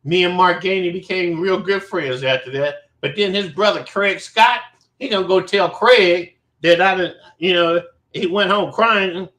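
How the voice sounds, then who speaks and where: A man's voice: high-pitched, a little slow, pushed and bright. A man telling a story about his childhood in a casual way. He talks bluntly, swears a lot and rambles. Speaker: show host. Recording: roomy echo.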